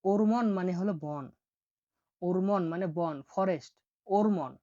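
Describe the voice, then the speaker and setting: A woman teaching a language lesson, slowly repeating each example word several times. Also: lowish voice, warm tone, no echo, highs cut off.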